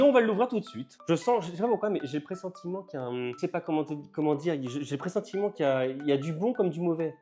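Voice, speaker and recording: An older man talks his way through an unboxing, chatty and quick to laugh. His voice is mellow and warm. He trips over English words as he reads them out. Soft music plays underneath. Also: fairly high pitch. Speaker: vlogger. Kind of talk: casual unboxing vlog.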